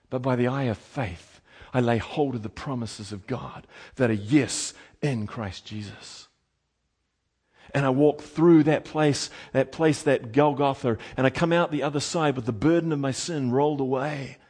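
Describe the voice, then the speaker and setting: A man preaching a sermon with passion, moving from loud exhortation to hushed tones. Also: mid-range voice, normal speed, husky.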